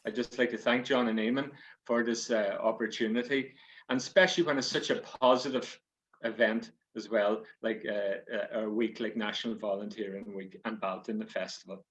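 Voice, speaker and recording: A man's voice: on the low side, fairly even intonation, normal speed, a bit bright, dull audio. A man from South Donegal talks in the manner of an Irish storyteller. His Donegal accent carries folksy, conversational phrasing, with small hesitations as he addresses his listeners. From South Donegal, Ireland. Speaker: storyteller and author.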